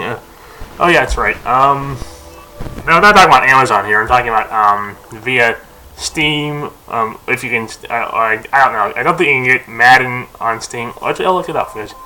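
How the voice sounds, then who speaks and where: Rambling young man with a bright voice. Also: medium pitch, a little hiss or hum, low-quality recording. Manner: rambling, full of fillers, restarts and tangents. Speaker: video host. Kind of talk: casual rambling commentary.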